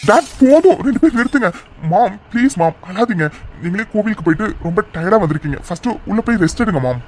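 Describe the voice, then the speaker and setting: A man voicing a calm, reassuring young adult son in a cartoon drama. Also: high-pitched, quick pace. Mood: soothing. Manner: gentle, reassuring. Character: grown son, calm and soothing.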